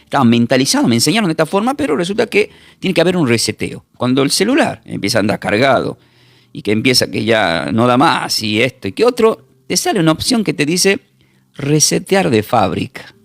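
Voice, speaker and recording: A man, a pastor teaching a recorded Bible class in an emphatic preaching manner, repeating words and slowly spelling out terms. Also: medium pitch, sing-song, creaky, dry recording.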